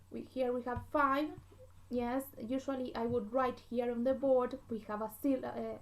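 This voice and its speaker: A woman with an Argentine Spanish accent giving a literature lecture, patient and repetitive, often checking understanding with a quick "yes?". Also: a little high, a little hiss or hum, rough recording. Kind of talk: classroom lecture.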